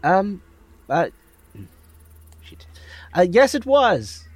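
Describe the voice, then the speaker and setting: A man's voice: high-pitched, very animated, drawn-out words, dry recording, voice pushed up, full character voice. A man playing a flustered 1930s traveller. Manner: hesitant, flustered.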